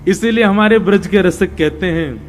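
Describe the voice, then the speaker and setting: A man's voice: high-pitched, moderate pace, slight background noise. A man telling devotional stories in a sermon, tenderly acting out the voices in the tales. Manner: tells tales lovingly, leads the crowd in chanted song. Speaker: devotional preacher.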